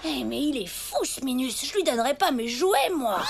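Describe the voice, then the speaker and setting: A woman's voice: high-pitched, very animated, moderate pace, vocal fry, exaggerated voice. A woman voicing a cocky, hot-headed young boy in a cartoon, brash and indignant in manner. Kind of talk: French animated cartoon dubbing. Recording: music behind the voice.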